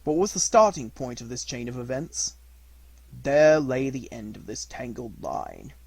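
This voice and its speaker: A husky-voiced man, narrating as an amateur audiobook reader, gives an expressive scripted reading of a classic detective story. He speaks unhurriedly at medium pitch, and the low-quality recording has no echo.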